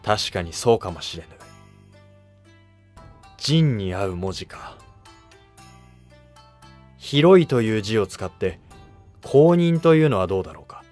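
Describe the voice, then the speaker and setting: An actor playing an earnest, dignified Japanese emperor with stately, archaic speech in a historical drama. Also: male voice, on the low side, sing-song, a little slow, pauses often, darkish tone, soft background music. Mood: thoughtful.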